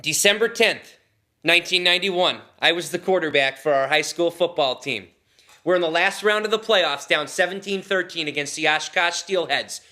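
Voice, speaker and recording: An actor in his thirties playing a former high school quarterback, a boastful man stuck in his glory days. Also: moderate pace, sharp tone. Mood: nostalgic. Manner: hearty, pushy cheerleading.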